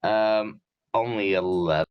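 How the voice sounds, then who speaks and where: A man playing in a tabletop game over a voice call, halting, laughing easily. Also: fairly low pitch, clear, resonant tone, dry recording, dull audio. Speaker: player. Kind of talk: casual play over a voice call.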